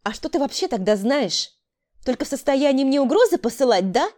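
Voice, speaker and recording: A woman's voice: high-pitched, very animated, brisk, a little mellow, pitched above the performer's own voice. A woman voicing a stern older sister, a doctor, who interrogates and gives orders in a raised voice. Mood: angry. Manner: commanding, interrogating.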